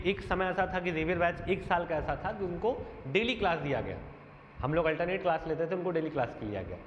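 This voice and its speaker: Teacher guy, kinda high voice, going over his side earnest and hurt, echoey dull room, faint hiss. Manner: earnest, aggrieved, explaining point by point. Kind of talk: defending himself in a monologue.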